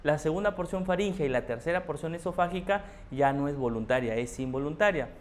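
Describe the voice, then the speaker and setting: A man's voice: a little high, lively intonation, brisk, slight background noise. A man teaching an anatomy class, patiently repeating key terms and asking rhetorical questions. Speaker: anatomy tutor. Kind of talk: explanatory class lecture.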